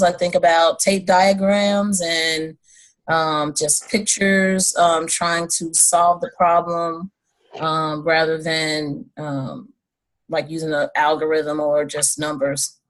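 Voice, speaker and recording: Lower-voiced woman teacher sharing ideas. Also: flat delivery. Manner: quick, listing ideas with many fillers. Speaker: teacher participant. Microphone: video call.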